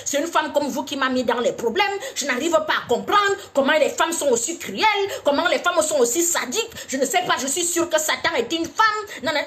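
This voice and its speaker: A high-pitched woman hosts a comic advice monologue on a live stream. She talks in a theatrical, mock-solemn and teasing way, straight into a phone. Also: animated, brisk, hardly any pauses, a bit bright.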